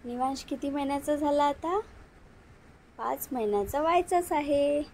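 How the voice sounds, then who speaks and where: A woman's voice: high voice, normal speed, darkish tone, slight background noise, poor audio. A young mother with a Marathi accent, talking in singsong baby talk to her infant at home while she films on a phone. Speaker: mother and vlogger. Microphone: phone camera.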